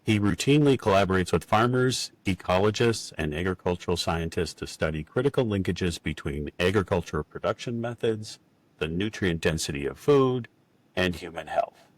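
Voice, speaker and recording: A man's voice: deep voice, lively intonation, moderate pace, no echo. A middle-aged man hosting a podcast in a chatty, enthusiastic manner. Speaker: podcast host. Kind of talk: casual podcast interview.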